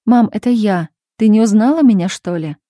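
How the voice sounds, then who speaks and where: A patient grown daughter, voiced by a woman reader presses her point calmly and firmly, at times pleading. The voice is dark and mellow, recorded dry and close. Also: mid-range voice, fairly quick, no room sound, close to an everyday voice. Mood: calm, insistent. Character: patient, insistent grown daughter, calm and firm.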